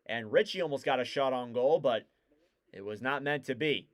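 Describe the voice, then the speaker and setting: A man giving casual live play-by-play commentary on a hockey game, getting louder and keener on the big plays. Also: medium pitch, normal speed.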